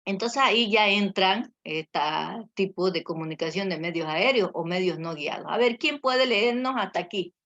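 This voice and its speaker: A woman's voice: mid-range voice, normal speed, few pauses, a bit bright, no echo. A woman teacher giving a class lecture, with many fillers and tag questions. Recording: muffled lo-fi audio.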